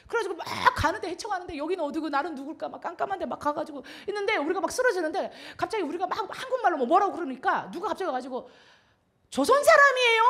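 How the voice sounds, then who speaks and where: A middle-aged woman missionary telling stories in a sermon, acting out the dialogue and laughing often. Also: sits high. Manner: animated storytelling, acts out dialogue, laughs often. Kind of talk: sermon with storytelling.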